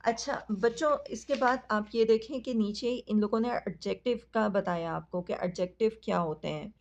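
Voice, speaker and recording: A woman teacher with a Pakistani accent, patiently explaining a lesson to children, talking slowly and addressing them directly. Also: medium pitch, a little hiss or hum. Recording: dull lo-fi recording.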